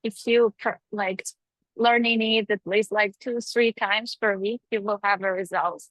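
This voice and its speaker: A woman's voice: mid-range voice, steady tone, unhurried, a bit bright, no room sound, low-quality recording. A woman who is a guest on a live webinar, answering a question simply and casually.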